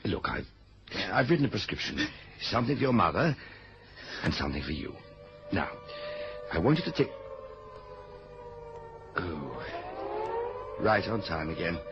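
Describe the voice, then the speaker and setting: Through a muffled, hissy radio recording comes an older family doctor. His low voice moves expressively, kindly and tired, with gentle hesitations in old radio drama style. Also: very animated, unhurried, long pauses, heavily acted. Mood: reassuring.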